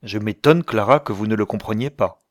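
An earnest, gentle young woman, read by a man who pleads softly for calm. The voice sits low and the delivery is dry and close. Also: brisk, no echo, close to an everyday voice. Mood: firm.

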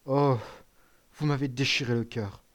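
A man's voice: medium pitch, steady tone, a little slow, lightly acted. A man reading an audiobook, voicing an eager, earnest young sailor devoted to his father. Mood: anxious, pleading. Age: 20s. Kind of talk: audiobook character voice.

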